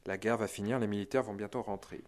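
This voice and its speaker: A man voicing the Virgin Mary as a gentle, motherly woman, in a calm, pleading tone. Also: fairly low pitch, fast, voice pushed down, close to an everyday voice.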